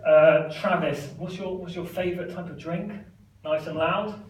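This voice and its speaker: A man's voice: sits high, fairly even intonation, moderate pace. Man doing stand-up, echoey and distant. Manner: chatty, self-deprecating, laughing often. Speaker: stand-up magician. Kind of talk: stand-up comedy with magic tricks. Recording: echoey room, mic from far off, noisy.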